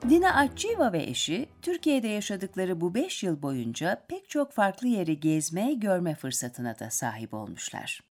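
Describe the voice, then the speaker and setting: A woman presents a radio feature in scripted narration. Her voice is slightly low and extremely melodic, swinging widely in pitch. Faint music plays behind her. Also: wildly swooping pitch, measured pace, hardly any pauses.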